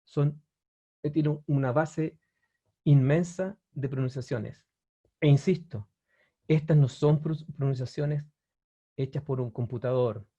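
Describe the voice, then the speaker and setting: A man's voice: mid-range voice, a little slow, long pauses, warm tone, breathy edge. Man presenting a webinar, dull lo-fi audio. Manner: explanatory, with frequent fillers and restarts, addresses viewers with "¿ya?". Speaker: language teacher presenting a webinar.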